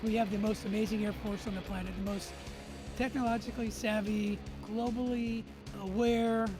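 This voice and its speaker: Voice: medium pitch, flat delivery, normal speed, rough recording. A speaker giving unscripted, declarative remarks to camera. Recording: music behind the voice.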